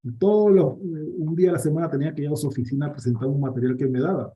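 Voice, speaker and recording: A priest from Panama, giving a personal faith testimony in a lively storytelling manner, with many restarts. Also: male voice, fairly high pitch, racing. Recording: dull lo-fi recording.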